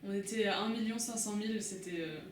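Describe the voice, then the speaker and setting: An eighteen-year-old woman from southwest France, a social work student, speaking in a flat, measured way. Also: medium pitch. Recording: distant mic in echoey room with faint noise.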